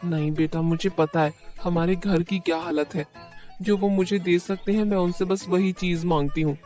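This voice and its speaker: A woman's voice: on the low side, steady tone, normal speed, warm tone, faint music behind, pitched below the performer's own voice, lightly acted. Woman voicing a modest, patient mother. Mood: gentle.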